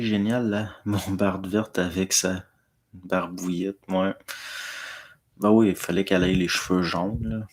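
A man with a Quebec French accent, rambling casually as he answers viewers and tacks a drawled "là" onto his phrases. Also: low voice. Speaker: host.

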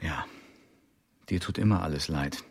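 An actor playing a middle-aged older brother, bitter and sarcastic, in a radio play. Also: male voice, extremely low pitch, measured pace, creaky, full character voice. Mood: weary, subdued. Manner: sarcastic, accusing.

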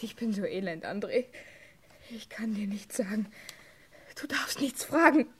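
An actress playing a distraught young bride, speaking in hushed, halting half-whispers in a 1960s radio drama. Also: female voice, mid-range voice, natural voice. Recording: hissy old radio recording.

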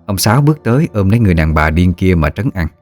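A man narrating a ghost story in a steady, measured storytelling voice. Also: low-pitched, dry recording, faint music behind.

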